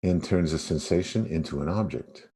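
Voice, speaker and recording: A man acting as a yoga nidra teacher guides a meditation, speaking unhurriedly with spacious pauses. His voice is low and warm.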